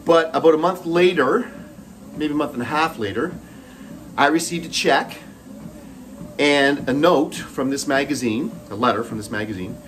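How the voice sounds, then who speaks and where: A man's voice: a little high, normal speed, long pauses, fairly bright tone, a little hiss or hum, poor audio. Canadian man talking while running on a treadmill. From Moncton, New Brunswick, Canada. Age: middle-aged. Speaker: host. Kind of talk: personal storytelling monologue.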